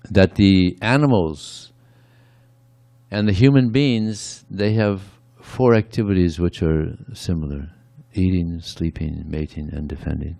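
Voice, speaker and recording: A man's voice: deep voice, unhurried, vocal fry, mellow, dry recording. A man giving a conversational devotional sermon, often adding "yeah" between points. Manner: conversational, frequent "yeah" asides. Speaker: speaker at a temple.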